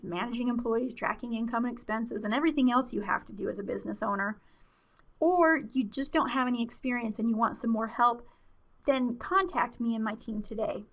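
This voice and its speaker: A woman with a slightly high voice presents a webinar in a casual, conversational way. She talks to her listeners in a friendly tone, filling gaps with small fillers. Her voice is wearing thin. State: losing her voice.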